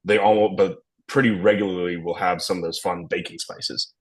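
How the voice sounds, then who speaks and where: A man's voice: sits low, fairly even intonation, normal speed, breathy edge. A young man, a distillery blender talking through a tasting in a rambling, enthusiastic way. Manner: rambling, enthusiastic, lots of fillers. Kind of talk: casual tasting talk.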